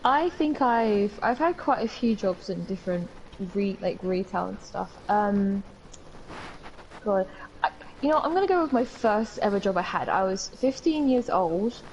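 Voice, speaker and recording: A woman's voice: mid-range voice, lively intonation, measured pace, muffled recording, slight background noise. Young British woman telling a story. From United Kingdom. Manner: rambling storyteller, swears casually. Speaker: podcast co-host. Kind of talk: casual chat.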